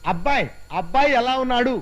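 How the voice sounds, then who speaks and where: An actor playing a reluctant priest who wails and laments dramatically. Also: male voice, very high-pitched, animated, quick pace, fairly bright tone, low-quality recording. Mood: exasperated. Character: reluctant young priest, excitable, loudly wailing. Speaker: priest asked to perform a wedding.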